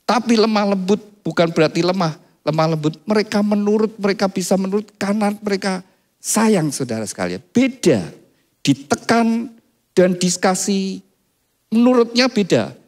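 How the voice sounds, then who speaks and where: A male pastor delivering a wedding sermon in a church. His delivery is lively, with his voice leaping higher to press a point and then settling back down. He acts out the dialogue of the people in his stories. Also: moderate pace. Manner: animated preaching, voice rising high for emphasis; acts out quoted dialogue within the story.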